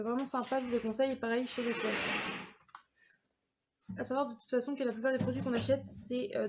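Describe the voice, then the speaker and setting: A French woman in her thirties chats casually through a product review vlog, her speech full of fillers and hesitations. Her voice is slightly high, and the background is noisy.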